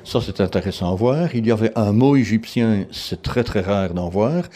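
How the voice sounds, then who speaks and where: A man from Belgium, a cat show judge, answering interview questions in a measured, explanatory way with frequent restarts. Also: lowish voice, dark tone.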